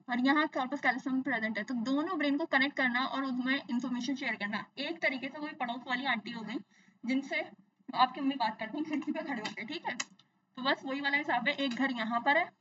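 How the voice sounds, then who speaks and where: A woman's voice: high-pitched, a bit bright, distant mic, dull audio. A young adult woman teaching a science lesson, asking and answering her own questions and repeating key terms. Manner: explains in Hindi mixed with English, repeats terms, asks and answers own questions. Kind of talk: exam-focused science lesson.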